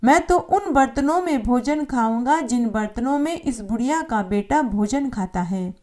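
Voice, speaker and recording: A woman voicing a wandering holy man who demands food and a bed, speaking slowly and insistently. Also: on the high side, animated, darkish tone. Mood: demanding. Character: old sadhu man begging for food, demanding.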